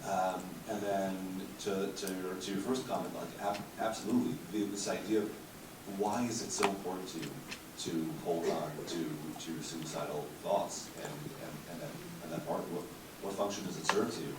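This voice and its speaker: A man therapist answering on a conference panel, halting with many fillers and restarts. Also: low-pitched, fairly even intonation. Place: conference room. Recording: echoey, distant, noisy conference room.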